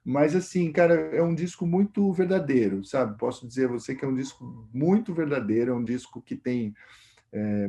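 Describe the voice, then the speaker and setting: A man's voice: mid-range voice, vocal fry, mellow. A Brazilian man, a guest musician, telling a long rambling anecdote in a casual interview. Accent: Brazilian Portuguese. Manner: rambling anecdotal, many fillers.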